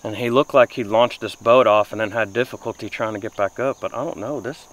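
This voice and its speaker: Out on a river in a small boat, a young man vlogs about fishing, his folksy talk aimed casually at the camera. He sounds on the low side, steady, fairly bright and a little fast. A camera mic at close to mid distance gives a rough recording with faint insects and outdoor ambience.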